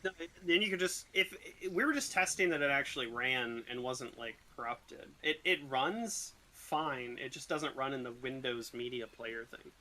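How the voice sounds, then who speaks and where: A man chatting casually and a bit sarcastically while working in 3D software with others. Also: medium pitch, moderate pace, hardly any pauses, rough recording. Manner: loose, offhand and a bit sarcastic. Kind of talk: casual chat among people sculpting in Blender.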